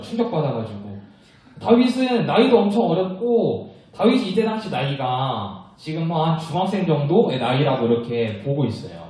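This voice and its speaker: A young man preaching to children, telling a Bible story in a lively way and asking the kids questions as he goes. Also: high-pitched, far from the mic. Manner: animated, asks children questions. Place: church worship room. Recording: echoey room, voice from afar.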